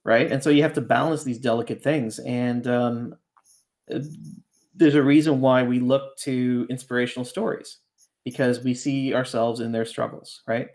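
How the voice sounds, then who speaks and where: Reflective rambling man in mid pitch. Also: steady tone, normal speed, a little mellow. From Canada. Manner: reflective, rambling, keeps asking "right?". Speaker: ghostwriter guest. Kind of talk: casual podcast conversation.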